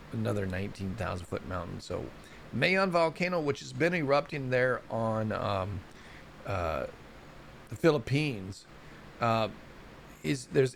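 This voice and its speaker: A man's voice: on the low side, creaky, a little hiss or hum. A man hosting a casual solo news report on volcanoes, rambling and chatty, often stumbling over place names. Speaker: show host.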